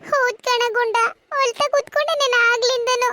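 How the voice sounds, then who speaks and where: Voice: extremely high pitch, fairly even intonation, normal speed, bright, forceful tone, no echo. A performer voicing a sulky, whiny cartoon schoolboy who talks through tears. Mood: sulky tearful. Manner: whiny, tearful pleading. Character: Tammanni, sad, sulky schoolboy. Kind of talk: cartoon voice acting.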